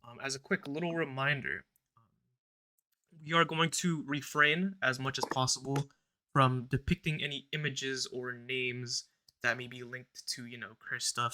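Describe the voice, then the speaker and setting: A man's voice: mid-range voice, moderate pace. A young man hosting a casual podcast, chatting loosely with many fillers. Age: young adult. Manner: relaxed, rambling, filler-heavy, recites a prayer. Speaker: podcast host.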